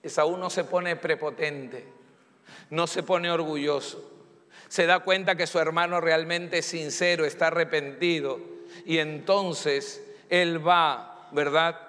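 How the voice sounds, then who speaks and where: Pastor guy preaching hard, high bright voice, big echo all around. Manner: emphatic preaching, acting out pleas and excuses. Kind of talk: sermon. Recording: echoey church hall.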